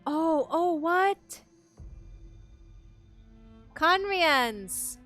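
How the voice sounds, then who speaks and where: A woman streams a game in a high, bright voice. She reacts excitably and reads along as she plays. Game music sits behind her voice. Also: extremely slow. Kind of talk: live gameplay reaction and reading aloud.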